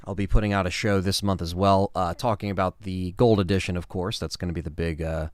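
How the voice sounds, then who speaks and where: A man hosting a casual livestream, answering chat questions in a relaxed, rambling way with lots of fillers. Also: deep voice, fairly quick, dry recording.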